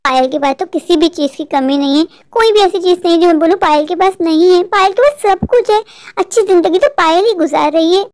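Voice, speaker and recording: Woman doing a whiny jealous cartoon wife, super high voice, always griping. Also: brisk, darkish tone. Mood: grumbling. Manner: complaining, bitter. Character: discontented young wife, envious and sulky. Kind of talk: cartoon dub voice acting.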